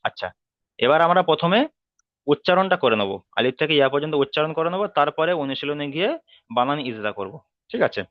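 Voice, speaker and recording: Patient man teaching a slow drill. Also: fairly high pitch, lively intonation, no room sound, narrow, tinny audio. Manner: patient, repeats rules and drills letters slowly. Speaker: Quran reading teacher. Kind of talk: online class lesson.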